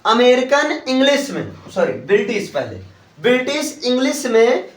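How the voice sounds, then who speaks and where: A man teaching a class, spelling words out letter by letter and often asking the students if it is clear. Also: extremely high pitch, big pitch swings, moderate pace. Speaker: English teacher. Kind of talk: classroom lesson with call and response. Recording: roomy classroom audio from a distance.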